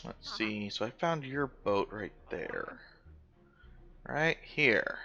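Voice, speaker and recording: A man's voice: on the low side, lively intonation, slow, bright, forceful tone. A man hosting a gaming video, teasing his brother with playful, sing-song commentary as they play. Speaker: gaming channel host. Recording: slightly dull audio with faint music.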